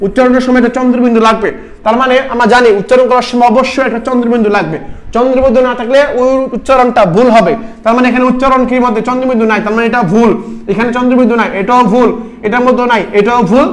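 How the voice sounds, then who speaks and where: A man, tutoring students for an admission exam in a casual lesson. He keeps quizzing them and repeating the answers. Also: very high voice. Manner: sings short song lines to make a point.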